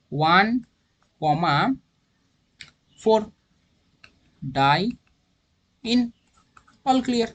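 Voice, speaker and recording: A man with a Bengali accent explaining organic chemistry naming, thinking aloud and counting carbon atoms step by step. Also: fairly high pitch. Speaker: chemistry teacher. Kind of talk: informal classroom lesson.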